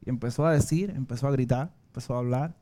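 A man's voice: mid-range voice, fast, warm tone. A male pastor with a Puerto Rican accent preaching a sermon in an earnest way, weaving in personal stories. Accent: Puerto Rican Spanish.

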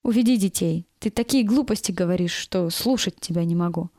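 A woman's voice: fairly low pitch, fairly quick, warm tone, dry recording, clean studio sound, natural voice. A woman voicing an older kindergarten staffer who coaxes, reasons and scolds by turns. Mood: coaxing. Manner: coaxing, reasoning, chiding.

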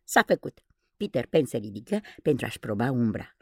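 A woman narrating a children's storybook in an expressive, dramatic way. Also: extremely low pitch, breathy edge, no echo, studio quality. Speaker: audiobook reader.

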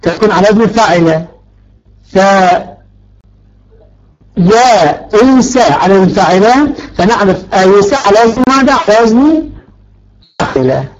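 A man's voice: high-pitched, lively intonation, a little slow, pauses often, highs cut off, a little hiss or hum. A male teacher giving a grammar lecture, stretching out key words and quizzing his students. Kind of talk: Arabic morphology lecture.

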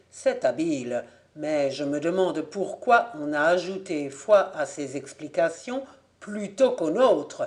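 Monsieur Voirin, a woman doing a grave older gentleman. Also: low voice. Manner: measured, reasoning, formal.

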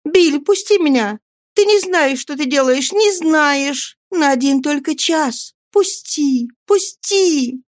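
A desperate young woman pleads in a high, shrill voice, as a woman reads her part. She is insistent and urgent, heard close and dry in an audiobook. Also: animated, moderate pace, few pauses, no echo.

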